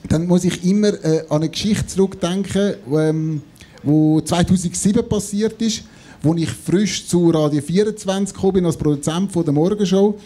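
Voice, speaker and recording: On a theatre stage before an audience, a comedy show panellist in his thirties with a high voice and a Swiss German accent tells a comic anecdote at normal speed. Holding the mic close, he animatedly acts out both sides of each conversation.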